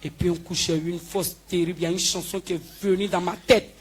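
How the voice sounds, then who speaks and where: A woman giving a spoken healing testimony in church, telling her story with lively, acted-out dialogue. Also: on the low side, fast talker, husky. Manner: animated storytelling, acting out dialogue with the pastor. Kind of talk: spoken testimony before a congregation.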